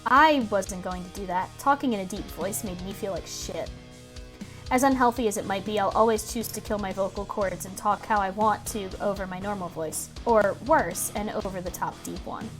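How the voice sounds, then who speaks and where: A woman's voice: mid-range voice, normal speed. A woman streamer reading a visual novel aloud, mixing narration with casual, sarcastic commentary and easy swearing. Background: faint music.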